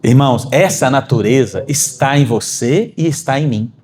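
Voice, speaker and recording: A man's voice: mid-range voice, moderate pace. A Brazilian man preaching a sermon to his congregation, calling them brothers and climbing to emphatic peaks. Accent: Brazilian Portuguese. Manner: animated, rising to emphatic peaks. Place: church.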